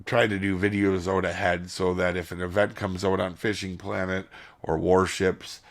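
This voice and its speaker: A gaming channel host chats casually with his viewers in a low, level voice at a normal speed. He's losing his voice, rambles from one point to the next, and keeps calling his audience "guys" in this laid-back video commentary.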